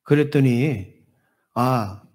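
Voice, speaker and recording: A man's voice: mid-range voice, drawn-out words, a little mellow. A male pastor preaching a Sunday sermon, repeating key phrases and asking the congregation questions. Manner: emphatic repetition and rhetorical questions to the congregation.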